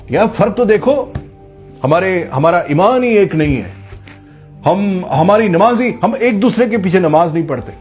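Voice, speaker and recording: A man's voice: fairly high pitch, darkish tone. Impassioned sarcastic political commentator, man. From Pakistan. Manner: impassioned, sarcastic, rhetorical questions.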